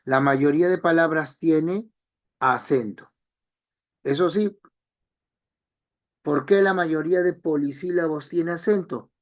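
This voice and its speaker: A man's voice: fairly high pitch, takes it slowly, pauses often. A man teaching an online language class, explaining step by step and repeating key phrases.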